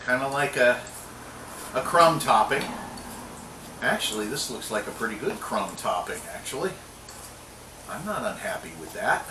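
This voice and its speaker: A middle-aged man hosting an informal cooking show at home speaks at normal speed in a mid-range voice with lively intonation, pausing often. He's chatty and jokey, talking to himself as he cooks. The audio is roomy from a distant mic, with background noise clearly heard.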